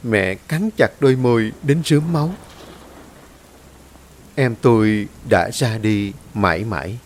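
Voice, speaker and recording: A man reading a horror story aloud in a dramatic, expressive way. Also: lowish voice, unhurried, a little hiss or hum. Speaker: story narrator. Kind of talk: scripted horror story narration.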